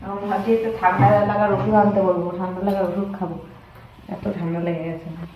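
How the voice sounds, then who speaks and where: A woman with a West Bengal Bengali accent talks in a friendly way to her viewers while she has a bad cold, her nose running and stuffed up. She is in her kitchen making tea, and the room rings with heavy echo. Clear background noise sits behind her voice. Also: mid-range voice, steady tone, fast talker, darkish tone. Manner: chatty, addressing viewers as friends. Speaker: homemaker vlogger. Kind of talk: casual vlog monologue to viewers.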